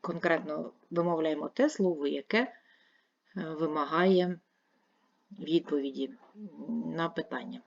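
A woman's voice: low voice, unhurried, vocal fry, pauses often, no echo. A woman teacher giving a primary school video lesson, explaining patiently and step by step. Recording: dull lo-fi dry recording.

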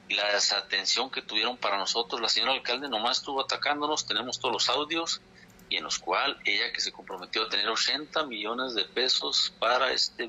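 Over a phone line, a man who leads dairy farmers in Chihuahua, Mexico, presses his case indignantly, hammering the same points again and again. He has a mid-range voice, bright and forceful, with some breathiness.

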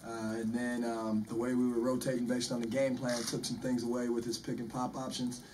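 A man in his forties, a head basketball coach, answering postgame press questions in a measured way and often repeating words while he thinks. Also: mid-range voice, level tone. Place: press room in front of a sponsor backdrop. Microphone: table microphone, recorded from the room. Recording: distant room mic with faint noise.

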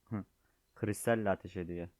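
A man's voice: low-pitched, steady tone, moderate pace, a little mellow, dry recording. A man who is sick and strained, chatting casually to viewers while showing off game items. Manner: chatty, addresses viewers as friends. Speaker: gaming YouTuber. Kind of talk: casual gameplay commentary. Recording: dull, lo-fi dry sound.

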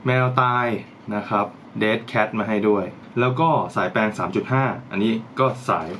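A man's voice: on the low side, moderate pace, fairly bright tone, slight background noise. A man talking casually as he unboxes and tries out gear for his channel, thinking aloud as he goes. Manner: chatty, thinks aloud while handling gear. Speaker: vlogger reviewing gear.

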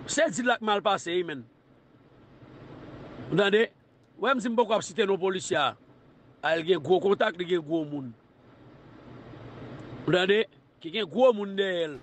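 A man with a Haitian Creole accent, making a defiant public declaration in a rhythmic, shouting delivery, from a played clip. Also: high voice, moderate pace, pauses often, a little hiss or hum. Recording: dull clip with loud crowd chanting.

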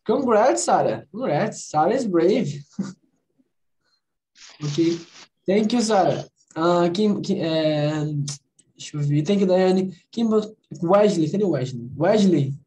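A woman's voice: lowish voice, expressive, slow, mellow, slight background noise. A woman with a Brazilian Portuguese accent, teaching an online English conversation class, switching between English and Portuguese and correcting pronunciation.

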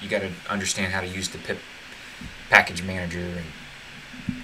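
Tutorial host, male, low-pitched, relaxed and halting, recorded with a noticeable noise bed. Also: low-quality recording. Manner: halting, many fillers and restarts, relaxed. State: burping from tea. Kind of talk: casual screen-share tutorial.

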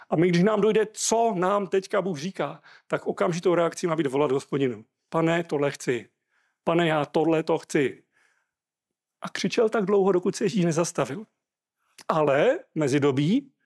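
A man's voice: fairly high pitch, darkish tone, breathy edge. A Czech man preaching a sermon, reading scripture aloud and explaining it earnestly.

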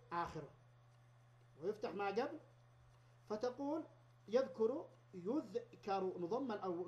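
A man lecturing on grammar at university level, explaining step by step and repeating example words slowly. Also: sits high, a little mellow, a little hiss or hum. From Yemen. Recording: dull lo-fi lecture recording.

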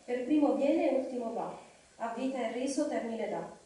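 A woman's voice: on the high side, lively intonation, mellow, lightly acted. A woman voicing a hissing, wheedling male cave creature, sly and hungry, at a live reading. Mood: sly riddling. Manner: hissing, drawn-out, slyly ingratiating. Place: live reading evening in a hall. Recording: echoey hall, distant mic, faint noise.

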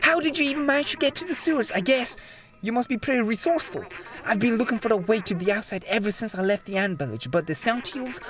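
A man voicing a determined female robot rebel in a video game, brisk and matter-of-fact. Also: extremely high pitch, lively intonation, a bit bright, recorded from a distance, soft background music. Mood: sceptical, determined. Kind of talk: video game dialogue read aloud.

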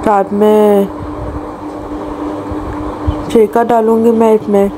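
A woman's voice: mid-range voice, flat delivery, slow pace. Woman, cooking-channel host, step-by-step recipe voice-over, small restarts, noisy home kitchen recording.

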